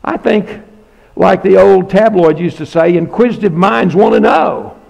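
A man's voice: sits high, measured pace, creaky, a little mellow, in a large hall, lo-fi sound. A man preaching a sermon in a church as pastor, emphatic and folksy, repeating key phrases and dropping asides to his congregation. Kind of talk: sermon with prayer. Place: church sanctuary.

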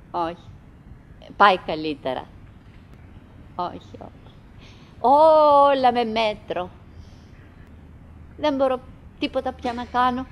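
High-voiced, wistful, chattering wife Winnie. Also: female voice. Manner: fragmented, repetitive, dramatic pauses with sudden swells. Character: chattering, wistful middle-aged wife, anxious yet determinedly cheerful. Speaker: stage and radio actress. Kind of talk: theatrical radio drama monologue.

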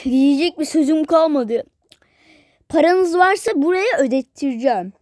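A woman's voice: sits high, moderate pace, no echo, studio quality. A woman doing a curt stubborn hotel clerk. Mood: stiff. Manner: curt, flatly refusing. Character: stubborn male hotel receptionist. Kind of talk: playful toy role-play.

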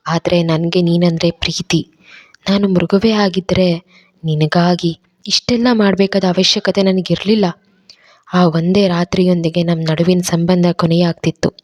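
A remorseful young lover speaks in a low, hushed, pleading voice, as a woman reader puts him on. The sound is dry and close. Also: no room sound, close to an everyday voice. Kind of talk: dramatized story reading.

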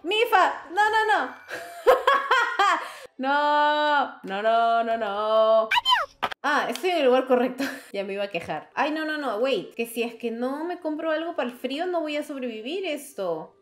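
A woman's voice: high voice, animated, measured pace, a bit bright, a little hiss or hum. A young woman gamer giving let's play commentary, shrieking and laughing as she reacts to the game. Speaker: gaming YouTuber. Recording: echoey room, faint game music. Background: game music.

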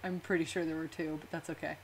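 A woman hosting a casual game playthrough with friends, chatting in quick bursts. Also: sits low, little pitch movement, slight background noise. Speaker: host playing a video game with friends. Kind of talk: casual gameplay chat.

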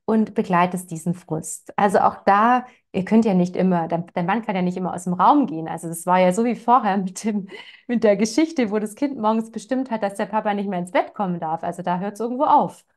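A woman parenting coach answers parents' questions one after another in a mid-pitched voice. She talks in a direct, reassuring way and addresses the parents by name. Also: a little fast, darkish tone.

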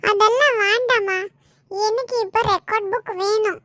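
A woman's voice: very high voice, steady tone, unhurried, bright, forceful tone, no room sound, studio quality, heavily acted. A woman voicing a stubborn young schoolgirl in a cartoon, pleading and whining. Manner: pleading and whiny, crying for her father. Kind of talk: cartoon voice acting.

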